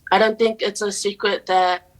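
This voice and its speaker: Earnest young New woman, flat delivery. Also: mid-range voice, poor audio. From New Zealand. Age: young adult. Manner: earnest and steady, with frequent "um" pauses. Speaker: guest, poet and youth advocate. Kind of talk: radio interview answers.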